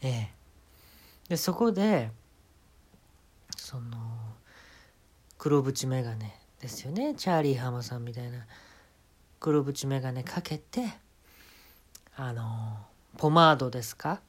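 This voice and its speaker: A man with a Kansai Japanese accent talks alone into a home podcast microphone. He tells an absurd story in a comic monologue and gives mock-serious instructions. He sometimes drops into a soft whisper for quoted lines. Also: mid-range voice, animated, unhurried, long pauses. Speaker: podcast host.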